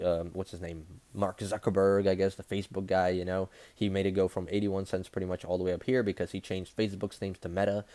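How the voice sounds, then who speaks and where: Fast-talking low-voiced crypto bro. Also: male voice, darkish tone. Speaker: crypto channel host. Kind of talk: casual market commentary.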